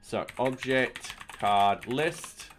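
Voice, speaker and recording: A man's voice: medium pitch, extremely slow, faint music behind. A man streaming himself writing code, talking casually through each step with dry, slightly sarcastic asides. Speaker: streamer and software developer. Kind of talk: live coding commentary.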